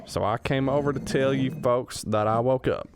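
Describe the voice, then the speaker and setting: A student actor in a comedic radio drama plays a cranky, regretful old professor, grumbling in plain, folksy, self-deprecating terms. His mid-range voice is lightly acted and moves at a moderate pace, with background noise in the recording.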